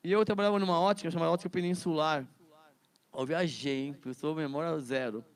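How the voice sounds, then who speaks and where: A man's voice: a little high, steady tone, a little fast, clear, resonant tone. A man teaching a Bible study lesson in a chatty way, laughing often and repeating words.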